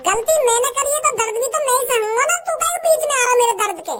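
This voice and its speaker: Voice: very high voice, animated, very fast. A performer voicing a defiant, crude village young man in a cartoon. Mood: crude scorn. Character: cocky rough-talking village young man. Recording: loud crowd noise behind.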